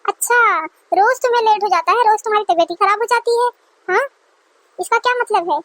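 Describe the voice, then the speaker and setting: A woman voicing a nagging, quick-tempered middle-aged mother-in-law who scolds sarcastically, in a dry close recording. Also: very high-pitched, fairly bright tone, dry recording. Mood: scolding.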